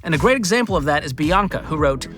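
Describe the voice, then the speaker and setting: A man's voice: a little high, expressive, fast, fairly bright tone, soft background music. A man hosting scripted comedic commentary, talking in a sarcastic, joking and emphatic way. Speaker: video host.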